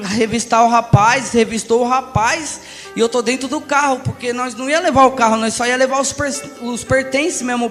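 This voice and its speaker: High-voiced man giving an impassioned testimony. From Brazil. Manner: impassioned, swinging from hushed to loud. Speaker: church testimony speaker. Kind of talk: emotional church testimony. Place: large church hall. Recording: reverberant church hall with music.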